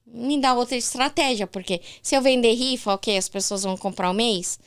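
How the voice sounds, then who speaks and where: A woman's voice: on the high side, normal speed, clear, resonant tone. A woman with a Brazilian Portuguese accent, a podcast guest who tells her story with emotion and faith and acts out the people she quotes. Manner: animated, faith-filled, acts out quoted voices. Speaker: interview guest.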